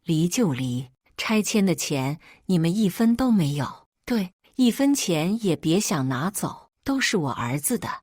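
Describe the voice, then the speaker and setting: A woman's voice: lowish voice, sing-song, a little slow, few pauses, darkish tone, no echo, studio quality. A woman voicing a domineering old father-in-law in a read-aloud family drama story, scolding and bullying. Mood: angry.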